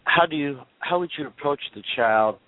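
A man's voice: on the high side, moderate pace, no room sound. A man hosting a radio interview who asks long, meandering questions with many hesitations. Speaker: radio show host. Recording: dry, tinny phone line.

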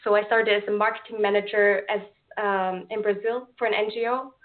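Over what sounds like a phone call, a young event organizer with an Austrian accent chats as an interview guest. She talks fairly quickly in a mid-range, level voice, friendly and earnest, now and then using fillers or restarting a sentence.

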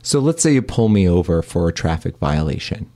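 A man's voice: sits low, big pitch swings, fairly quick, mellow. A man who hosts a comedy podcast and works as a voice actor, asking questions in a playful, teasing, flirty way.

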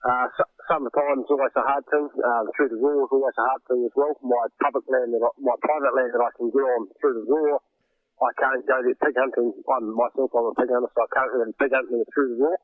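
A New Zealand man with a disguised voice, talking haltingly as an anonymous guest in a phone interview. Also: medium pitch, fairly even intonation, dry recording. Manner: halting, hesitant, many restarts. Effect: voice disguised to hide identity. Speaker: anonymous interview guest, dairy farmer and pig hunter. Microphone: telephone. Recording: dry tinny phone line.

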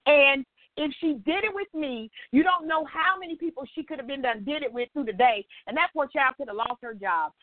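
An older woman leading an informal Bible study, a chatty, animated storyteller who acts out dialogue and keeps checking in with her listeners. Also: sits high, a little fast, no echo. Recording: tinny phone-line audio, dry.

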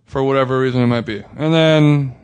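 A man's voice: medium pitch, fairly even intonation, brisk, a little mellow, clear, resonant tone. Rambling man in casual podcast chat. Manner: rambling, hedging with fillers. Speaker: podcast co-host.

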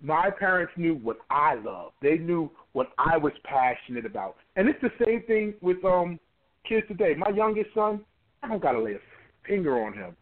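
This interview features a man in his forties, a pastor, heard through a tinny phone line. His voice is a little high with big pitch swings at a moderate pace, and he repeats words emphatically while developing his argument.

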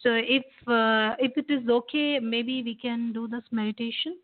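Over a thin, tinny phone connection, an Indian-accented woman speaks at a normal speed in a fairly high, fairly even voice. She is an interviewed meditation teacher and guest expert who explains and leads a meditation, using repetition to drive points home.

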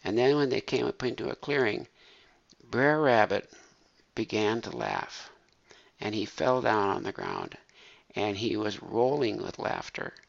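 A man telling a true story in an unhurried, animated, folksy way. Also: lowish voice, vocal fry. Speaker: storyteller recounting a true case. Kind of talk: spoken storytelling. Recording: dull lo-fi recording.

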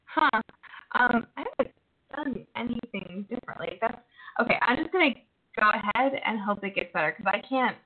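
A woman's voice: fairly high pitch, expressive, moderate pace. Woman with robotic, glitchy call distortion. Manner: chatty, lots of ums, apologetic. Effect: robotic digital distortion clicking in and out. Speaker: podcast co-host. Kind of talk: casual chat. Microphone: remote call connection. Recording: thin phone-like call line.

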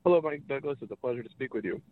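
An earnest male radio show caller from California comes through a thin, tinny phone line. His voice sits in a middling pitch and sounds close and dry, with no room around it. He hammers his points home by saying them twice. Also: animated, racing, dry recording. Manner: earnest, repeats himself for emphasis. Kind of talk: earnest call-in opinion.

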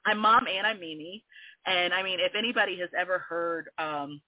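Speaking at a normal pace in a lowish voice, a woman in her forties with a Southern accent shaded by New Orleans chats freely as a guest poet. She laughs often in this casual interview, heard over tinny phone-line audio.

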